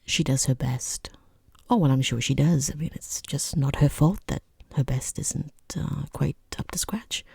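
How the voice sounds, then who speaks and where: In a soft-spoken ASMR roleplay, a person voices a rude, condescending boss running a job interview, using a breathy half-whisper, hesitant pauses and dryly mocking, falsely polite understatement. The mid-range voice is heavily acted and recorded at studio quality with no echo.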